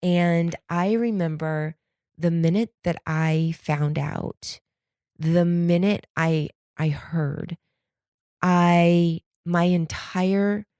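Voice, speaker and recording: Slow and steady, her lowish voice sounds warm but congested, as this solo podcast host is starting to lose her voice. She talks casually and candidly with slang, rambling and voicing imagined quotes. The recording is dry and studio quality.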